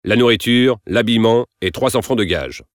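A man reading aloud, voicing an angry, harsh old peasant father who scolds loudly. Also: medium pitch, moderate pace, dry recording, clean studio sound, close to an everyday voice. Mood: furious.

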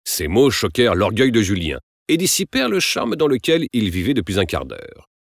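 Male audiobook narrator, low voice, animated delivery, dry recording. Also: moderate pace, dry recording. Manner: lively, expressive storytelling. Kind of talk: audiobook narration of a classic novel.

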